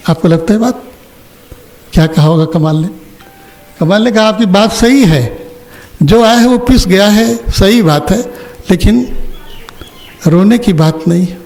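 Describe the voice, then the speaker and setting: A man's voice: high-pitched, a little mellow. An older man giving a religious discourse, telling a story and asking his listeners questions. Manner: storytelling, asks the audience questions. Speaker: spiritual teacher. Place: ashram opening ceremony hall.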